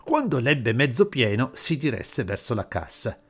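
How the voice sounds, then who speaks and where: A man reading a story aloud in a calm, measured audiobook narration over faint music. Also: medium pitch, slightly rough. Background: faint background music.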